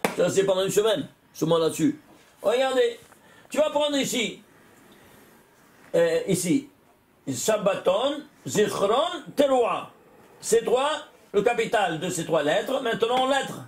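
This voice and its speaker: Male rabbi, high voice, teaching a class, quizzes listeners and works through sums aloud. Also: very animated, a little slow. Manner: quizzing listeners with rhetorical questions. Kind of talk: Torah lesson to a class.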